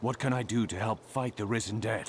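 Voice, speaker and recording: A man voicing a resolute low hero. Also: brisk, a little hiss or hum, lightly acted. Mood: determined. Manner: firm, determined delivery. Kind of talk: video game voice acting.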